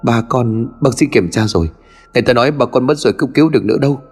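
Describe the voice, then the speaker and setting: A man's voice: medium pitch, fast, a little mellow, slightly rough, long reverb tail, soft background music, lightly acted. A man voicing a blunt middle-aged villager giving urgent orders.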